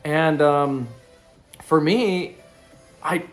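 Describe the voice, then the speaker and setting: Faint music plays behind a thirty-year-old man who talks loosely and reflectively to the camera in front of him, rambling with lots of ums and likes. His voice is on the high side and extremely slow.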